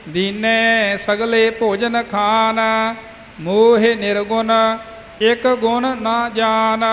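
A man singing devotional hymns in a slow, steady recitation. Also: sits high, long reverb tail. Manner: slow sung recitation of scripture. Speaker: kirtan singer. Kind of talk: devotional hymn chanting.

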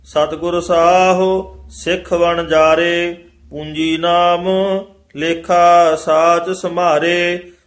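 This man recites scripture as a student in a lesson. His chant is extremely slow and held on a narrow, flat line of pitch. He sometimes stumbles and restarts a word before carrying on.

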